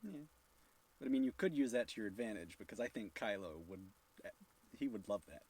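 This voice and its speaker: A man's voice: lowish voice, expressive, a little fast, a little mellow, breathy edge. Easygoing male guest on a live stream. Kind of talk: casual live stream chat.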